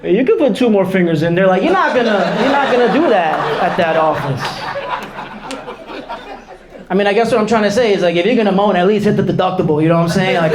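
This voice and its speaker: A young man performing a casual stand-up comedy set in a club, talking straight to the crowd. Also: sits high. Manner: casual, addresses the crowd as bro, quick asides. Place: comedy club before a live audience. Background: audience laughter.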